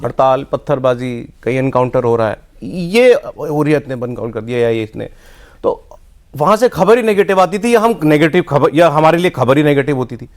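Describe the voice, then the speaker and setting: A man hosting a TV news discussion, framing the topic and putting questions to his guest in an animated way, mixing in English words. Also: a little high, brisk. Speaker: TV news anchor.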